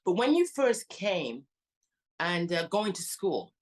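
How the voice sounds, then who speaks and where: Affectionate woman show host, low-pitched. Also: big pitch swings, slow pace, a little mellow. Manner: affectionate, calls guest honey and hon. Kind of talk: interview hosting.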